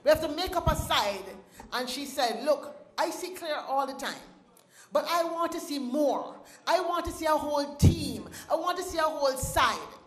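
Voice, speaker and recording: A woman addressing a banquet crowd, her voice sitting a little high. She talks in a rhythmic, sing-song way and at times chants her lines. The sound carries the echo of a large hall. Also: expressive, moderate pace. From Caribbean. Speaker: founder and president, awards host. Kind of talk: ceremony speech with poetry recital. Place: banquet hall at an awards ceremony.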